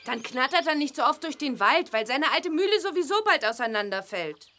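A woman's voice: high voice, lively intonation, a little fast, bright, forceful tone. A woman playing a cheerful, impulsive teenage witch girl in a children's audio drama, perky and playful. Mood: cheeky persuading.

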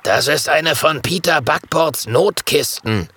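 A man's voice: on the high side, animated, slow, bright, forceful tone, slightly rough, voice pushed up, full character voice. A man voicing a lazy male pirate in a storybook, with a grumbling, mocking manner. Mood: telling. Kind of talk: storybook reading.

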